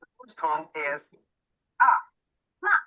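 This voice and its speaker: A woman in a pronunciation recording, drawing out each tone very slowly in a slow pronunciation drill. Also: deep voice, wildly swooping pitch. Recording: tinny phone-like playback from far off.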